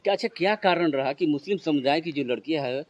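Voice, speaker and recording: A woman asks short, direct questions and gives brief prompts. Her voice is very low for a woman. The recording has a muffled, dull tone. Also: animated, fast, darkish tone. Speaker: interviewer. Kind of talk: interview questions.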